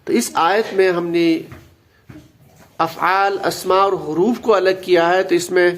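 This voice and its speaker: A man's voice: high-pitched, fairly even intonation. A man teaching an Arabic grammar lesson, patient and explanatory, repeating key words and slipping in English terms.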